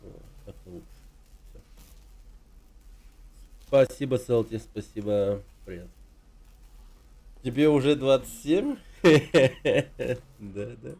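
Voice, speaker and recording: A man in his thirties from Russia chatting casually on his game stream, relaxed and rambling, with lots of filler words. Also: mid-range voice, takes it slowly, long pauses. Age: 30s.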